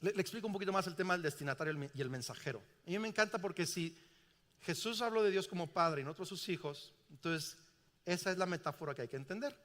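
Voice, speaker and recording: A man's voice: sits high, lively intonation, fast talker, a bit bright. A middle-aged man, preaching a sermon emphatically and asking the congregation questions. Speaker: pastor. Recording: reverberant church hall.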